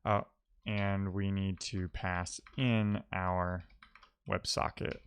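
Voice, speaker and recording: Slow and level, his low voice clear and resonant, a programmer live-streams his coding session. He talks casually, thinks out loud, and reads his chat's messages aloud before answering them.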